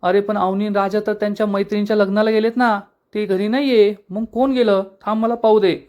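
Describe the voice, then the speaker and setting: A suspicious, upright young man, as a male narrator puts him on. He questions in a high, probing voice. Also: steady tone, quick pace, darkish tone, lo-fi sound, lightly acted.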